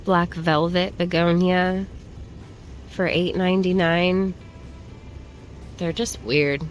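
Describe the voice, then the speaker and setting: A woman's voice: on the low side, fairly even intonation, takes it slowly, soft background music. A woman chatting casually to viewers in a shopping haul vlog, informal and rambling as she browses and remarks on items. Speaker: plant shopping vlogger. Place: plant shop.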